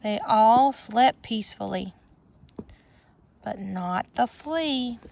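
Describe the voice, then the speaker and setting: A woman reading a rhyming picture book aloud to children in an expressive sing-song manner, with chatty asides, outdoors on a farm with goats. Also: a little high, takes it slowly, vocal fry, a little hiss or hum.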